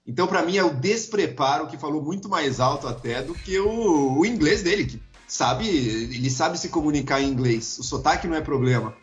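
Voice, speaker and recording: A man giving lively opinion commentary on a panel, laughing now and then and tripping over quick restarts. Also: fairly high pitch, highs cut off. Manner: animated, laughs often, stammers on restarts.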